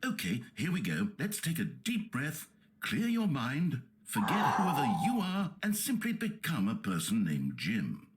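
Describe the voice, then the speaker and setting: A smug, all-knowing game narrator talks in a dry, mock-soothing tone. His pitch swings widely from low to high, drawing out words for ironic effect. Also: huge pitch swings, unhurried, very noisy. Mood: sardonic. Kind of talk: scripted video game narration.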